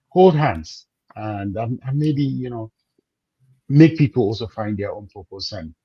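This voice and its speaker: A man, a business coach speaking as a guest, measured and reflective, slowing down to stress his points. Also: mid-range voice, dark tone, husky, no room sound, dull audio. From Cameroon. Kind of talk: conversational interview.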